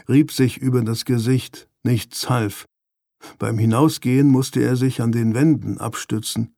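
A man with a mid-range voice narrates an audiobook, keeping his storytelling measured and even. The scripted reading is dry, with no room sound, and the studio recording is clean.

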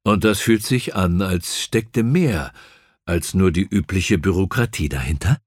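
A man voicing the Doctor as a lazy, sardonic gentleman in an audiobook, with a drawling, mocking manner. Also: low-pitched, a little slow, slightly rough, no room sound, studio quality. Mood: dry. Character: lazy, sardonic male time-traveller, aloof gentleman.

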